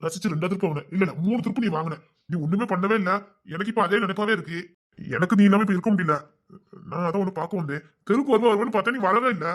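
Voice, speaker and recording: Brief: a man as a lovesick youth with a lilt, high voice, rapid patter, fretful and pleading. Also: a bit bright. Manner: fretful rambling inner monologue, then pleading. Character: lovesick young village man, restless, scheming to elope. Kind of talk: audio love-story drama.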